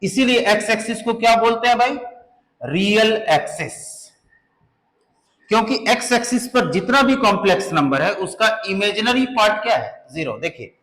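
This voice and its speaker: A man's voice: high voice, expressive, normal speed, fairly bright tone. A man teaching a maths lesson who explains step by step and keeps asking the class rhetorical questions, mixing into his talk. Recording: echoey room.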